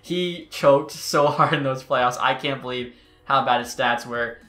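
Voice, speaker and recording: A man's voice: medium pitch, unhurried, sharp tone. A man giving casual gameplay commentary as a YouTuber, chatty with exasperated outbursts. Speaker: gaming YouTuber. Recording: roomy echo.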